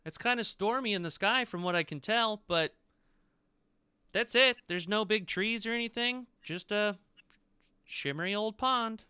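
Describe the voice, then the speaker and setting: A man voicing an excitable high-voiced male companion in a tabletop game, chattering eagerly. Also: measured pace, clean tone, no echo, studio quality.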